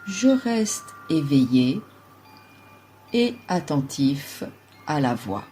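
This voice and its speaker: A deep-voiced woman teaching yoga nidra walks listeners through relaxation with calm, measured, short-phrased guidance, with slight noise in the background.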